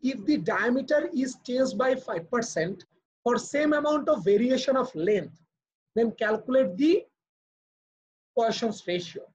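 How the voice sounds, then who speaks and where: In a live online physics class, a man with a Bangladeshi accent uses a very high-pitched, animated voice but speaks extremely slowly. He patiently walks through each step and switches to English for terms, and the video call audio is muffled and lo-fi.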